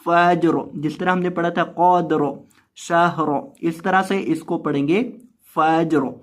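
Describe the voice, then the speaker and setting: Man teaching slow Quran recitation. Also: a little high, steady tone. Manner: slow, drawn-out recitation alternating with quick explanations. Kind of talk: tajweed lesson, spelling out letters and reciting.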